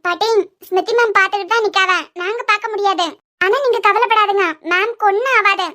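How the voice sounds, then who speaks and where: A woman's voice: very high voice, steady tone, brisk, sharp tone. Woman voicing a chatty reassuring cartoon nurse. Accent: Kanyakumari Tamil. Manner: soothing, talkative.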